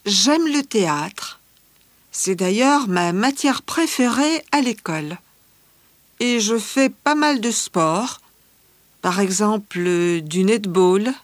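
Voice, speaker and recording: A woman voicing a cheerful teenage schoolgirl who loves fashion, answering interview questions in a scripted exam dialogue with measured, careful delivery. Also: mid-range voice, lively intonation, dry recording. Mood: calm chatty.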